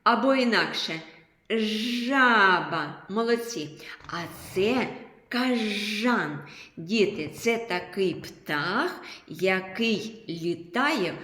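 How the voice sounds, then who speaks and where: A woman teaching a preschool literacy lesson in a slow, sing-song voice, drawing out sounds for small children. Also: mid-range voice. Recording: very echoey room sound.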